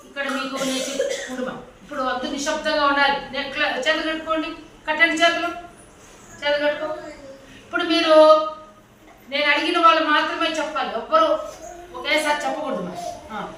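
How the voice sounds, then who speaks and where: A woman's voice: high voice, pushed and bright, a little hiss or hum. A woman preschool teacher coaxing small children with repeated questions in a classroom lesson. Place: echoey classroom. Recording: echoey room, distant mic.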